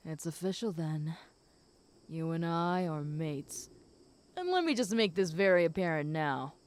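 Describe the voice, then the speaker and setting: A woman voicing a flirty, possessive and protective female werewolf in an intimate audio role-play, speaking teasingly to the listener in a smooth voice. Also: low voice, lively intonation, unhurried. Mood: flirty, devoted. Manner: flirty, teasing, with soft chuckles.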